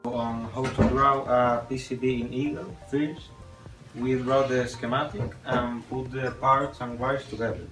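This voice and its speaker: A man's voice: mid-range voice, fairly even intonation, unhurried. A man from the Canary Islands with a Spanish accent, a student explaining a circuit step by step. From Canary Islands, Spain. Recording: echoey room, distant mic, faint music.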